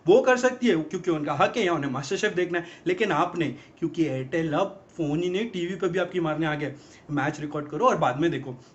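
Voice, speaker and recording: An actor playing an exasperated young man in a rapid-fire, mocking film comedy monologue about girlfriends. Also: fairly high pitch, close to an everyday voice. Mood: ranting. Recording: dull lo-fi film audio.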